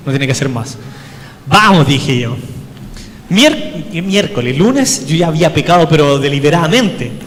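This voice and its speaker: A man delivers a sermon with a slightly raised pitch, mixing humor with retold dialogue. His voice carries a long reverb from the church hall. A faint room noise sits underneath. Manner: storytelling with humor, acting out past dialogues. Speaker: preacher.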